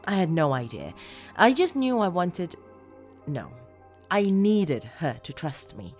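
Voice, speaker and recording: A female narrator plays a disturbed woman telling a horror confession over music. Her voice is low and swings expressively as she confides with obsessive, unsettling fondness, pausing deliberately for drama. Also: sing-song, darkish tone. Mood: wistful, eager. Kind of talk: first-person horror story narration, acted monologue.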